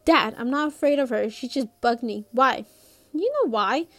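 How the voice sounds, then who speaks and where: Lady doing a defensive teen boy, quick to argue, higher voice, storybook read-aloud. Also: animated, fairly bright tone.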